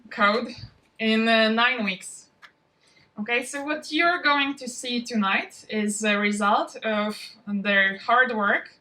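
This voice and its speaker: A woman with a bright voice speaks to a room full of people while she hosts a demo day. Her talk is relaxed and informal and full of ums. She is miked from some distance, so she sounds slightly far off. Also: on the high side. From from outside Norway. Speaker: bootcamp founder hosting a demo day. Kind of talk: event welcome speech. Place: event venue, spoken to a live audience.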